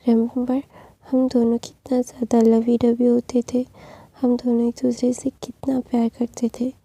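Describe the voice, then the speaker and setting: A woman's voice: on the high side, completely flat delivery, unhurried, mellow, no room sound. A woman voicing a scheming, deluded young woman in whispered role-play, insistent and clinging.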